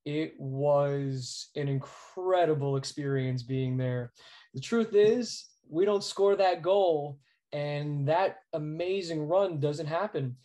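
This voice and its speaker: An American man who announces at sports arenas is a guest in a conversational interview, telling stories slowly. His voice is a little high and mellow, and he talks earnestly and emphatically, repeating words often.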